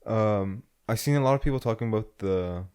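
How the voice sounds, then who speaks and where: A man's voice: lowish voice, a little fast, dark tone, clear, resonant tone. A man hosting a casual podcast chat, rambling and steering the talk back with filler words. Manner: rambling, keeps saying "anyways". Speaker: podcast host.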